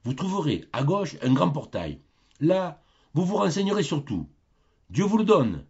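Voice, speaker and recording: Un homme qui joue un grand ange aux ailes sombres, à la voix rauque et dolente, tenant un grand livre dans un conte lu. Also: male voice, fairly high pitch, very animated, unhurried, darkish tone, lo-fi sound, pitched above the performer's own voice, exaggerated voice. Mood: impatient. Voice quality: hoarse and doleful. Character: grand dark-winged angel keeping hell's book.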